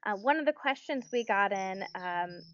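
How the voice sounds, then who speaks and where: A woman's voice: mid-range voice, expressive, unhurried, a bit bright, clear, resonant tone, dull audio. A woman moderating a webinar, politely reading audience questions with a few hesitations.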